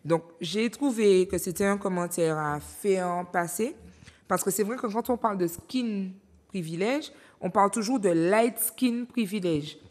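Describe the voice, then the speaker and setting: A woman hosting a talk show, measured tone. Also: medium pitch, a little mellow, big-room sound. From Martinique. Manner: measured, reflective, reads viewer comments. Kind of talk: studio discussion.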